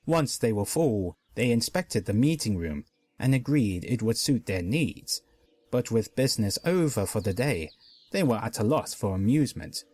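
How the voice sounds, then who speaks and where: A man narrating a pony fanfic story as a dramatic reading, expressive throughout. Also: on the low side, moderate pace.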